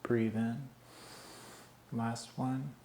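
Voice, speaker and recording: Slow, calm male meditation guide. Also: mid-range voice, a little hiss or hum. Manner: calm, soothing instructions with long pauses. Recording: roomy echo.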